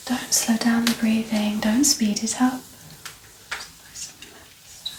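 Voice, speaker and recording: This ASMR performer takes on a doctor's role for a soft-spoken medical exam, her breathy, whispery voice slightly high and unhurried. She stays calm and reassuring while giving gentle instructions. Background noise and a roomy echo come through, since the mic is far away.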